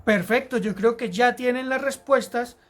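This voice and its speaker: Woman teacher, slightly high voice, patient and repetitive, recorded lesson, soft music behind. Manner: patient, repeats words slowly for students. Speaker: English teacher. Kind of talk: recorded grammar lesson narration.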